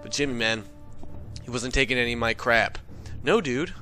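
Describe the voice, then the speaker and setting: A man telling a comedic rant story, excitable, profane and boastful. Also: mid-range voice, brisk, soft background music.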